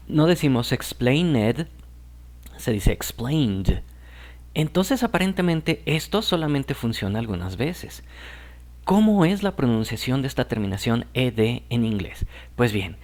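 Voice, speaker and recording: Man patiently teaching, checking in often. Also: medium pitch. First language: Spanish. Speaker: English teacher. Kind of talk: explaining grammar lesson.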